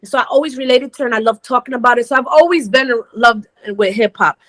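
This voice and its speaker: A woman in her forties from Rhode Island, a DJ guest telling her story in a relaxed interview, laughing easily. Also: a little high, quick pace. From Rhode Island, United States. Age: 40s. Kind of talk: casual interview chat.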